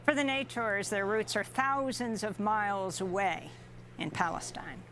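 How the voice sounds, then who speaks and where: A woman narrating a news report in a steady, crisp reporter's delivery. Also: medium pitch, measured pace, noisy background.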